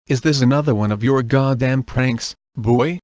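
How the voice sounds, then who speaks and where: A man voicing a crude, bullying old grandfather who barks gruff shouts, in a dark comic storybook reading. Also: mid-range voice, normal speed, dry recording, clean studio sound, lightly acted.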